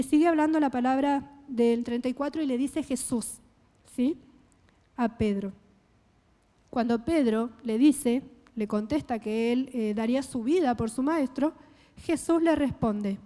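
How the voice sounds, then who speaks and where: A woman with an Argentine Spanish accent preaches a sermon, speaking deliberately and pausing often to check in with her listeners. Her voice is high and mellow. The sound carries a long reverb from a church hall. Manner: deliberate, checks in with frequent "¿sí?" and "amén".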